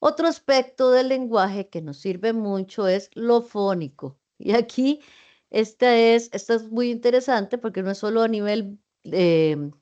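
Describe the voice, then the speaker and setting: A woman's voice: fairly high pitch, unhurried, mellow, dull audio. A middle-aged woman lecturing in an online class, explaining in a conversational way with fillers and asides, heard over a video call. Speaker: university teacher.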